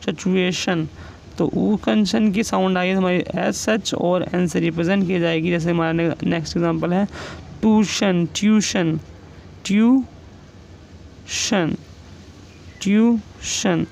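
A man with a high, gravelly voice teaches shorthand, saying each example word slowly and repeating it. There is a faint hiss of noise behind him. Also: level tone, darkish tone, rough recording. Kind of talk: classroom explanation.

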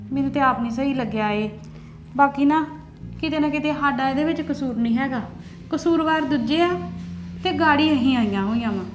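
A woman's voice: sits high, natural voice. A woman playing a soothing elder sister-in-law. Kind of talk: Punjabi family drama acting.

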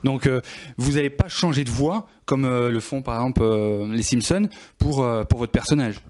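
A man's voice: mid-range voice, moderate pace, a little mellow. A man hosting a casual radio interview, talking hesitantly with many restarts.

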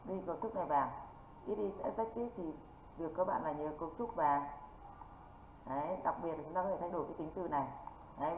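A woman teaches English online to exam candidates, speaking with a northern Vietnamese background and a voice on the low side. She peppers the lesson with quick rhetorical check-ins. The recording is lo-fi, dull and echoey, with faint noise.

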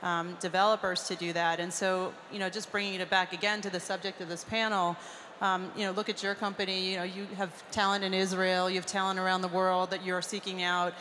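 A woman's voice: fairly low pitch, level tone, brisk, sharp tone. A woman speaking directly and decisively as a panelist on a conference stage, holding a handheld mic. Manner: direct, matter-of-fact, decisive. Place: large conference hall stage. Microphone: handheld microphone. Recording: reverberant hall with faint noise.

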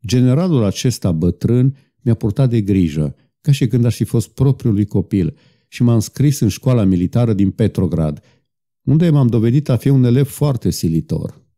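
A man's voice: medium pitch, expressive, warm tone, close to an everyday voice. Man doing a bitter young guard officer. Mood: recounting. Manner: sad, bitter, defensive.

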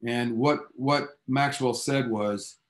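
This man speaks slowly, in a mid-range voice with fairly even intonation. Giving a classroom physics lecture, he tells the story behind the science in an enthusiastic, casual way, adding offhand asides for his students.

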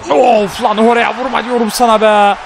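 High-voiced man shouting over a wrestling game. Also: little pitch movement, normal speed, creaky, some chatter behind, a little hiss or hum. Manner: trash-talks the opponent, shouts and counts pins. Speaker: gaming channel host. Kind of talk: excited live gameplay commentary.

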